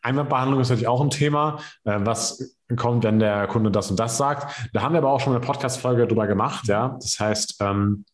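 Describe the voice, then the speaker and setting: A man's voice: mid-range voice, brisk, few pauses. A man hosting a casual podcast about personal training, talking loosely with many fillers and tag questions. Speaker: podcast host.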